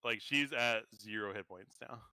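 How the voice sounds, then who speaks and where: A man's voice: lowish voice, normal speed, bright, forceful tone, dry recording, studio quality. A man narrating as game master of a tabletop game, rambling with many fillers and restarts.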